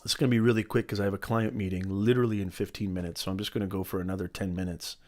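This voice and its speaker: A man's voice: low-pitched, level tone, very fast, darkish tone. A middle-aged man hosting a motivational live stream, talking emphatically, repeating his points and greeting viewers by name.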